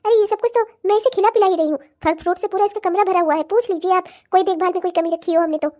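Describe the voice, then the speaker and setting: Woman voicing a cartoon mother-in-law, bossy, insistent, very high-pitched. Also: fairly even intonation, dark tone. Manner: brisk, insistent. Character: bossy middle-aged mother-in-law, proud hostess.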